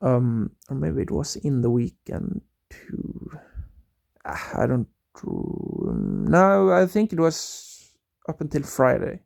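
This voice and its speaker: A man's voice: medium pitch, huge pitch swings, takes it slowly, vocal fry, a little mellow. A young man telling a rambling, casual story, hesitant and full of fillers and restarts. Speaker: vlogger.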